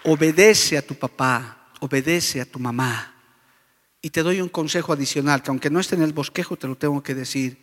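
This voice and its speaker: A middle-aged pastor preaches with fervent conviction. His voice sits a little high for a man, and long reverb trails each phrase through the church hall. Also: normal speed, fairly bright tone. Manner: fervent preaching, often calls out "brother". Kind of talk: sermon.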